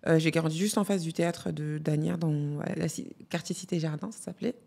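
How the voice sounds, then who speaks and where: A woman in her twenties from France, a podcast guest telling her story in a lively, laughing way. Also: low voice, fairly quick, vocal fry. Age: 20s. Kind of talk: casual interview chat.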